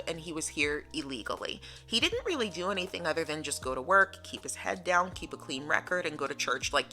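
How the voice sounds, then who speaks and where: A woman's voice: deep voice, pushed and bright. A woman from the United States telling a personal story in a casual, chatty vlog style. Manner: casual, chatty, laughing now and then. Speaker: vlogger. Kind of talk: storytime narration.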